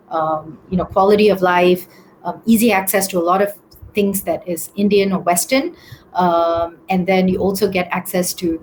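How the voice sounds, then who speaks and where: A woman, answering questions in a business webinar over a video call, with many pauses and restarts. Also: lowish voice, darkish tone, a little hiss or hum, poor audio. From Singapore. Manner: hesitant, many ums and restarts.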